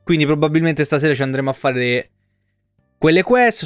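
Slightly high and smooth, the voice belongs to a young adult Italian game streamer chatting casually at home on a close desk microphone. He rambles informally, swears without restraint, and repeats words to drive points home.

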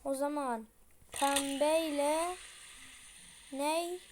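A woman's voice: high voice, steady tone, extremely slow, noisy background. A young woman chatting her way through a horror game, slangy and prone to panicky outbursts. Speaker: gameplay streamer. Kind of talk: casual horror game commentary.

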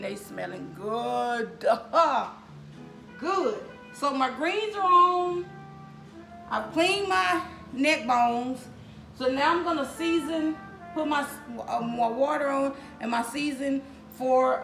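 Talking to viewers as y'all, this woman is a chatty, folksy cooking vlogger filmed by a camera on her kitchen counter that she moves around. Her high voice is fairly bright with vocal fry, and the kitchen sounds echoey, with music in the background.

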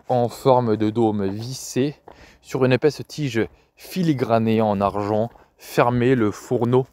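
A man narrating a novel in a measured, even reading voice. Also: mid-range voice. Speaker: audiobook reader. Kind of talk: scripted narration.

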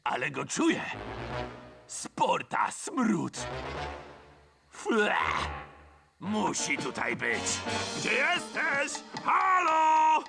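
An actor playing a lazy, scheming villain disguised as a dinosaur, talking theatrically and whining, for a children's TV dub. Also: male voice, wildly swooping pitch, drawn-out words, creaky, long pauses, heavily acted. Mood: grumbling. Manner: theatrical, whiny, sweeping pitch swings. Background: loud music.

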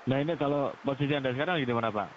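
A man on a hissy, muffled phone line talks quickly in the polite, formal manner of an official. He presses his points insistently and repeats himself as he persuades. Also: medium pitch. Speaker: phone scammer posing as a police officer.

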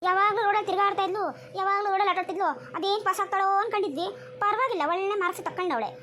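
A woman's voice: very high voice, very fast, bright, forceful tone, a little hiss or hum. Woman voicing a gossipy village neighbor. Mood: teasing. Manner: gossipy, teasing. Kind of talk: cartoon comedy voice acting.

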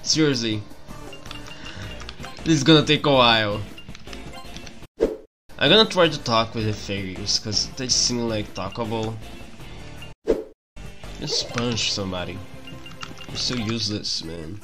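A young adult gaming host chats informally and self-deprecatingly, reading dialogue and commenting on play, from a small room in his home. His voice sits on the low side, a bit slow with frequent pauses, captured on a handheld mic over background music.

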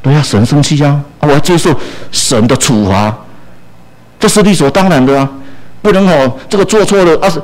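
A man preaching a sermon, animated and full of small fillers. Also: fairly high pitch, fairly quick, rough recording.

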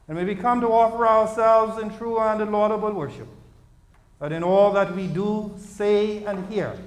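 A man leads a congregation in formal liturgical prayer, with a measured cadence. His voice sits high for a man. The sound carries a cathedral echo from a large church sanctuary. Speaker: worship leader.

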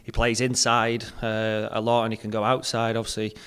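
After the match, a young football captain is interviewed indoors against a sponsor backdrop, holding a handheld mic close. Plain and measured, he repeats words as he thinks. His voice is on the low side and fairly bright, with a flat delivery and clean tone.

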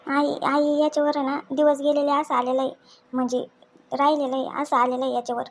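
A woman's voice: high voice, level tone, brisk. A young woman playing a defensive, pleading daughter-in-law in a home drama.

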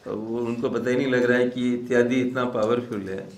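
A man's voice: medium pitch, little pitch movement, normal speed, reverberant. A man teaching exam preparation in a casual lecture style, talking conversationally and repeating his key points.

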